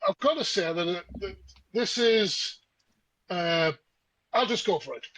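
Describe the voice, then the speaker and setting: Chatty storytelling man, high-pitched. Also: measured pace, fairly bright tone, low-quality recording. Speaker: podcast co-host. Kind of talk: casual chat.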